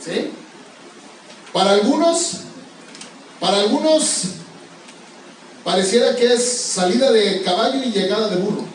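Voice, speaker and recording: A man's voice: high voice, lively intonation, a little slow, pauses often, a little hiss or hum. A male pastor preaching a sermon, pressing the congregation with repeated questions. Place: church sanctuary. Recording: echoey church hall, far from mic.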